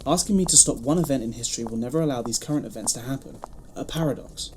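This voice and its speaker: An actor in an audio drama playing the Doctor, a brisk, grave and protective time traveller who speaks with urgent emphasis. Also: medium pitch, a little mellow, slight background noise, natural voice. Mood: exasperated.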